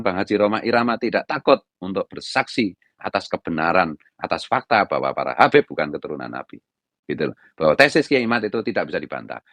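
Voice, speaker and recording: A middle-aged man giving an impassioned religious monologue, speaking in a loud, emphatic, high-pitched tone. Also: no room sound. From Indonesia. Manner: loud, emphatic raised intonation. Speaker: religious commentator.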